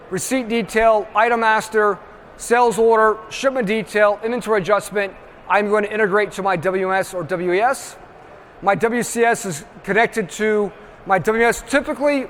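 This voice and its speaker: A man giving an emphatic trade-show presentation, tagging his points with quick check-ins to the audience. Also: high voice, fairly bright tone, a little hiss or hum. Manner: emphatic, constantly checks in with "right?". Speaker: industry presenter. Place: large trade-show hall. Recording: reverberant hall with faint ambience.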